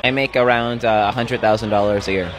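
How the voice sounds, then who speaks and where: A tech start-up co-founder in his twenties answers casually in an outdoor interview at a conference, speaking into a handheld mic. His lowish voice is steady and fairly quick, with a crowd audible behind him.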